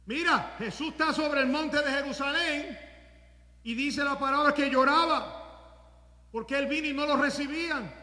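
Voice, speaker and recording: A man pastor preaching a sermon in a conversational way, at times rising to shouts. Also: extremely high pitch, normal speed, echoey room, long reverb tail.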